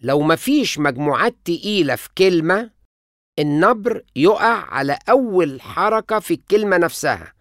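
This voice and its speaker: A language teacher with an Egyptian Arabic accent, giving scripted instructional narration and pronouncing each example word slowly and carefully. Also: medium pitch, big pitch swings, a bit bright, dry recording, studio quality.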